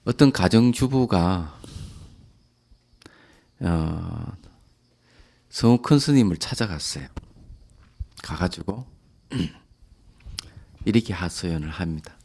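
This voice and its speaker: Low voice monk doing a dharma talk, calm, trails off quiet at phrase ends. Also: male voice, takes it slowly, creaky, long pauses. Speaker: Buddhist monk lecturer. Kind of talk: dharma lecture.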